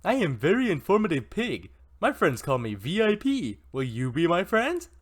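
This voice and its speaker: A man's voice: fairly high pitch, wildly swooping pitch, moderate pace, pitched above the performer's own voice. A man voicing a cheerful childlike cartoon pig robot guide with a stuffy nose, like a young kid. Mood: chipper. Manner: bright, eager, chirpy.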